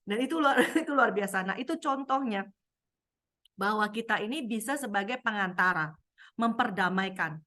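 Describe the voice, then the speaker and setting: A woman's voice: medium pitch, moderate pace. A woman pastor preaching a sermon, telling a personal story with acted-out quotes and frequent laughter. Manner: lively storyteller acting out voices and quotes, laughing often.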